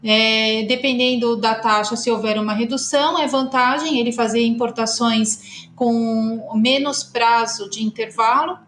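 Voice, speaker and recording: A woman with a fairly high voice explains import logistics in a measured way, pausing on small fillers. Her voice echoes in the room, with faint music beneath. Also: fairly even intonation, a bit bright. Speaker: customs consultancy partner. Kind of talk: podcast discussion.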